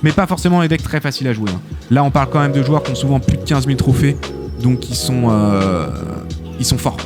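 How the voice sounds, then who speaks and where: A man casting a live esports tournament as host, excitable and chatty, full of filler interjections. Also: medium pitch, a little fast. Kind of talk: live game commentary. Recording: game music behind the voice. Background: game music.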